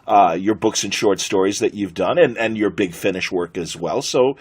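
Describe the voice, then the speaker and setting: This podcast host, a middle-aged man from the United States, talks in a conversational way with an American accent. His husky voice is lowish, and he speaks at normal speed.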